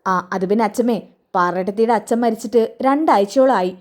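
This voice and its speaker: A woman voicing a calm young husband who explains things patiently. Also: a little high, brisk, lightly acted.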